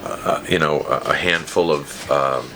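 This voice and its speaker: Speaking in a very deep voice with fairly even intonation and a measured pace, the man has a bright, forceful tone. He's in his fifties, chatting and storytelling like a shop dealer to a visitor in a cramped, cluttered guitar shop, picked up by a nearby camera mic in a noisy handheld recording.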